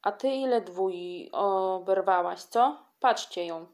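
A woman's voice: medium pitch, unhurried, close to an everyday voice. A woman voicing a stubborn, defiant young schoolgirl who snaps at her classmates in a storybook reading. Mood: snapping. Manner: sharp, snappish and defiant.

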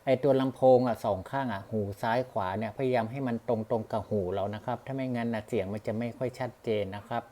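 A vlogger demonstrates motorcycle gear in a casual, unscripted way, rambling, poking fun at himself and often addressing his viewers. His mid-range, dark-toned voice moves fast with few pauses and fairly even intonation, and ambient background noise is clearly audible.

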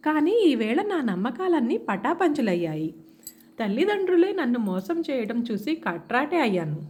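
A woman narrating a story in a measured, expressive reading. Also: sits high.

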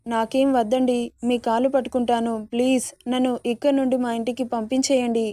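A frightened, innocent young bride who pleads through tears to go home, as a woman narrator voices her. Her voice is slightly high, with a flat, even melody and a soft, mellow tone. The sound is close and dry. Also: brisk, no room sound, close to an everyday voice. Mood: pleading. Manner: tearful, pleading.

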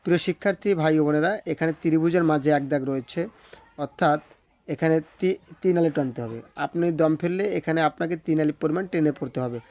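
A man's voice: a little high, darkish tone. Methodical man spelling out recitation. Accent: Bangladeshi Bengali. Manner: slow sing-song drawn-out recitation of words; patient methodical letter-by-letter spelling. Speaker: Quran recitation teacher.

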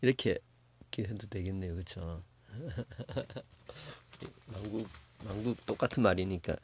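A man giving a casual, musing Bible lesson, thinking aloud with many fillers and slowly sounding out words before explaining them. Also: fairly low pitch, husky. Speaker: Bible Hebrew teacher.

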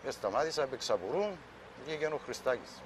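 Ένας άνδρας με κυπριακή προφορά αφηγείται ως αυτόπτης μάρτυρας σε συνέντευξη ντοκιμαντέρ, μεταφέροντας τα λόγια άλλων. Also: male voice, mid-range voice, lively intonation, a little hiss or hum. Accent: Cypriot Greek. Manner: plain storytelling, quoting others. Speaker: eyewitness. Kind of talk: documentary interview testimony.

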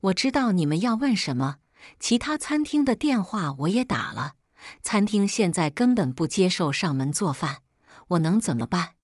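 A woman's voice: fairly low pitch, very animated, normal speed, dry recording, studio quality. A woman voicing an angry young man who scolds harshly over the phone.

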